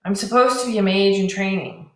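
A woman voicing a spirited young mage in training who answers with quick, teasing retorts, in a storybook reading. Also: mid-range voice, lightly acted. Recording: roomy echo.

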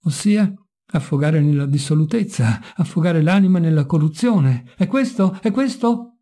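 A man's voice: fairly high pitch, expressive, normal speed, dark tone. A man doing an anguished young monk, pleading.

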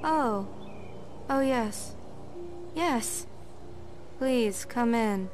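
Slow, sweet, dazed young waitress. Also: female voice, a little high, expressive, music in the background. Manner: dreamy, halting, courteous. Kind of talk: video game dialogue.

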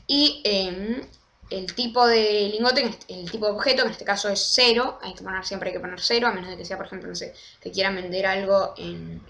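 A young woman, casually walking through a game tutorial step by step and slowing down to spell out commands. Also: mid-range voice, sharp tone, slight background noise. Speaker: Minecraft tutorial creator. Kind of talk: casual screen-recorded tutorial.

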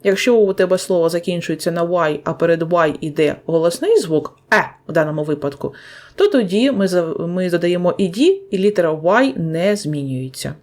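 A woman teacher with a Ukrainian accent, calmly and methodically explaining English grammar rules, repeating each rule step by step. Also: lowish voice, moderate pace.

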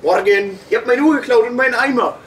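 A man's voice: extremely high pitch, quick pace, fairly bright tone, a little hiss or hum, voice pushed up. A man acting out a flustered, insistent female schoolteacher in clipped, broken phrases, talking on a distant room mic. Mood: accusing.

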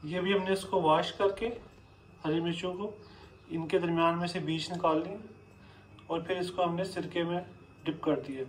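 A man's voice: fairly high pitch, steady tone, moderate pace, pauses often, a little hiss or hum, low-quality recording. A man talking through a home cooking recipe step by step. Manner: plain step-by-step explaining. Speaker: cooking channel host. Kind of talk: cooking tutorial voice-over.

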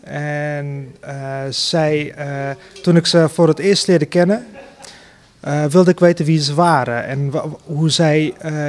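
Theater director guy explaining his project, lots of ums, bit higher voice. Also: a little mellow. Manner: earnest, hesitant with many fillers. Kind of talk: interview answers.

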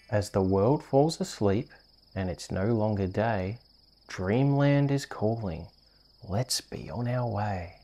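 Settling listeners down for sleep, an Australian host of a bedtime-story video channel reads aloud for ASMR in a mellow, fairly low, slightly creaky voice. He speaks slowly, softly and soothingly.

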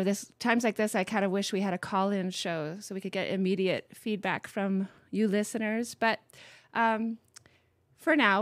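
A woman from Montana in her late forties hosts a radio talk show in an unhurried, friendly manner, using many ums. She has a mid-range voice, and there is no room sound.

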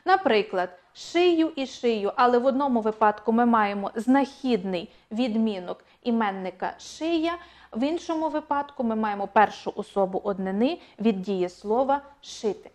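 A woman teacher giving an online exam-prep language lesson, speaking clearly and repeating key points for emphasis. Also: fairly high pitch, animated, moderate pace, darkish tone.

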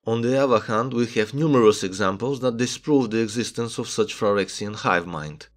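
A man's voice: lowish voice, normal speed. A man narrating a video essay, making his analytical case and reading story excerpts aloud. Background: background music.

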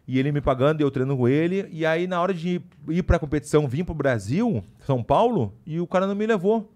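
A man talking as a podcast guest, his speech quick and rushing forward. He spins a casual story full of slang and side remarks, keeping it lively. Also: on the high side. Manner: animated, slangy, with frequent asides.

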